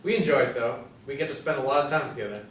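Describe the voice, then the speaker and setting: A man's voice: medium pitch, fast talker, lightly acted. A young man in his twenties playing a fussy, petty ice cream seller who speaks in a pedantic, awkward way. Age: 20s. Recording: roomy, distant from the mic, faint noise.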